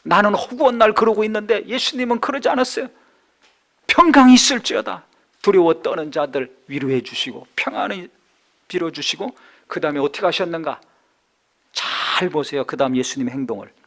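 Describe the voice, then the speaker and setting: A man preaches in a church, his voice pitched high. He moves from soft, probing questions to loud, climbing calls to his listeners. Now and then he slips into a sharp scolding tone to act out a quote. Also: a little fast. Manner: swings between soft asides and loud rising exhortation; acts out scolding quotes in a harsh voice. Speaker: pastor. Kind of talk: sermon. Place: church sanctuary.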